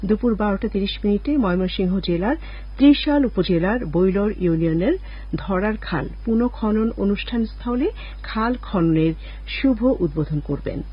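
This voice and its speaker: A husky-voiced woman announcer reads a formal broadcast notice at an even, measured pace. Her voice comes through a fading, muffled lo-fi radio broadcast with the top end dulled. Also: medium pitch.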